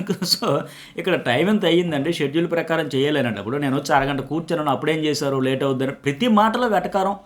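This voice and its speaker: Guy rattling off reality show commentary, kinda high voice, really quick. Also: expressive. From Telugu-speaking India. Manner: rapid, emphatic, acts out quotes from the show. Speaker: journalist commentator.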